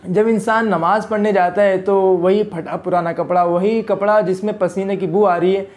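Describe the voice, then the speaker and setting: A man hosting an Islamic advice talk for video, earnest and exhorting, often repeating phrases to press his point. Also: sits high. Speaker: religious video host.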